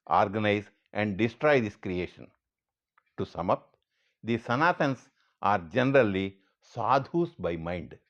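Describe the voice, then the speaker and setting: Earnest Indian man, dull lo-fi audio. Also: lowish voice. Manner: earnest, measured, direct second-person address. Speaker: monologue speaker. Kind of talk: scripted monologue addressed to a politician.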